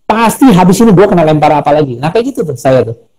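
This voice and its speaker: A man's voice: on the high side, fast talker, low-quality recording. A middle-aged man, a coach and speaker, telling stories in a live interview and acting out the voices of the people he quotes. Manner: animated, acts out quoted voices. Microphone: phone or video call.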